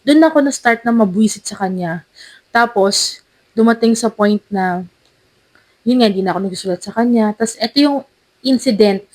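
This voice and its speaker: A woman co-hosting a podcast, telling a story in a lively, animated way. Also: fairly high pitch, normal speed, pauses often. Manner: animated, lively storyteller who acts out quotes. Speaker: podcast co-host. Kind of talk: casual storytelling chat.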